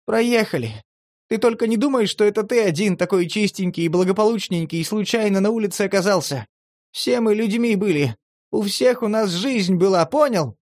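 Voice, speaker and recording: A man voicing a touchy, tearful homeless male addict in a horror audiobook, talking in a shrill, agitated, pleading way. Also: lively intonation, measured pace, dry recording, clean studio sound. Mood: brusque. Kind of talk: audiobook character voice.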